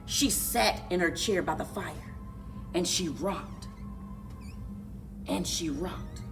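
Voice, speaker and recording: A woman with a lowish voice reads aloud over music as a library story time host. Her children's narration is expressive, dramatic and deliberate, full of playful sound words.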